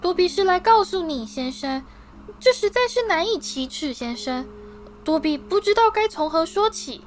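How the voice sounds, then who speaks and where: Dobby, a woman doing a shrill little house-elf. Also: animated, moderate pace, slight background noise. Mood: tearful. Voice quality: high and shrill. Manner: squeaky, overwrought, deferential. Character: small servile excitable male house-elf, tearful.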